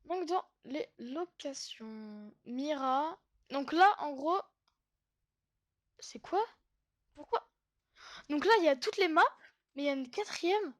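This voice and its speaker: A woman's voice: high-pitched, animated, slow pace, pauses often. A woman YouTuber giving casual gameplay commentary, chatty and hesitant, with many fillers and giggles. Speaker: gaming YouTuber.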